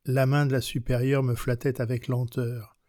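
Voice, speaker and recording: Reading a classic novel aloud, the male narrator takes on a worldly, passionate young countess with a touch of acting. He recounts at a calm, measured pace and steady pitch, and the studio sound is clean and echo-free.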